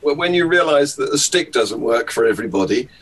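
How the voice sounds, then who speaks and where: A man's voice: mid-range voice, expressive, fairly quick, a bit bright, rough recording. A man talking casually as a guest in a discussion, wry and reasoned, often chuckling.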